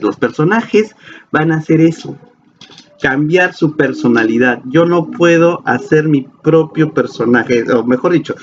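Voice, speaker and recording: Male teacher from Peru, playful, quizzes the class and answers himself; slightly muffled recording. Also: a little high. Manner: playful, asks questions and answers them himself. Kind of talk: classroom lecture video. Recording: slightly dull lo-fi sound with faint ambience.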